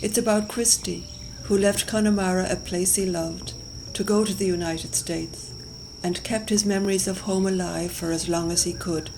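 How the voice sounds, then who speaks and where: A woman's voice: lowish voice, steady tone, normal speed, noisy background. A woman from Galway, giving a scripted personal introduction. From Galway, west of Ireland. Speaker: writing group member. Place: recorded for a lakeside woodland walk video.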